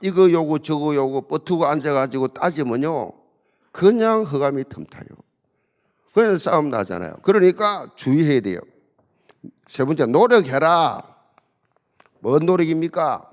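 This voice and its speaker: A man's voice: a little high, expressive, unhurried, long pauses, a little mellow. A middle-aged man, preaching an emphatic, humorous sermon with lots of repetition and call-and-response. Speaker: pastor. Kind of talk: sermon at a marriage seminar. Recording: long hall reverb.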